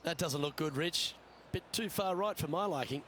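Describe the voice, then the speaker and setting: A man's voice: a little high, normal speed, background noise, close to an everyday voice. A man playing a composed, upbeat TV-style lead golf commentator for a video game. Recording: crowd and music behind.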